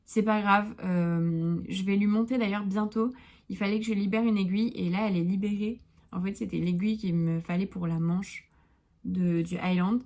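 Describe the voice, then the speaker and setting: A woman's voice: medium pitch, steady tone, moderate pace, mellow. A young woman chatting casually about her knitting projects and wool purchases, hesitant and full of fillers. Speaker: knitting podcaster. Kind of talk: casual chat.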